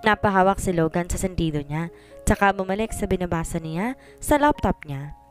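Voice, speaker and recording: A woman's voice: on the low side, animated, normal speed. Chatty woman reading a love story. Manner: chatty, mixes English into narration. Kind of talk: scripted story narration. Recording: faint background music.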